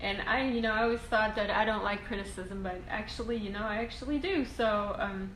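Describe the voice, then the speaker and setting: A woman from Russia, a real estate investing educator, answering viewer questions in a casual Q&A video, halting with frequent ums and restarts. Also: mid-range voice, a bit bright. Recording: echoey room, faint ambient hiss.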